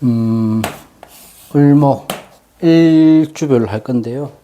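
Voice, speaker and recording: A man giving an unscripted explanatory lecture, haltingly, his articulation slightly slurred and tangled as if numb from the dentist. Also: mid-range voice, lo-fi sound, slight background noise. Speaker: fortune-telling lecturer.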